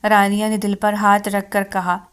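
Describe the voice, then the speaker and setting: A woman reading a romance novel aloud as scripted narration, in a steady, even manner. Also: mid-range voice, smooth.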